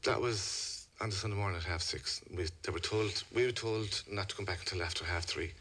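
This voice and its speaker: A middle-aged man with a west of Ireland accent, giving a personal account in a radio interview in measured, halting phrases. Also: sits low, sharp tone, slightly rough. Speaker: interview guest, a father telling a family story.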